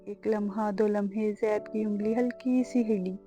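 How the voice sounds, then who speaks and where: Gravelly woman narrating an emotional novel. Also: medium pitch, fairly even intonation, warm tone, soft background music.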